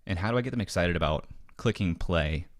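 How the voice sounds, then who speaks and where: Field: deep-voiced man in a dry home studio, guest. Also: fast talker, no echo. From American Midwest. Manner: animated, acts out little quoted dialogues. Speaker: podcast guest. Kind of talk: casual interview chat.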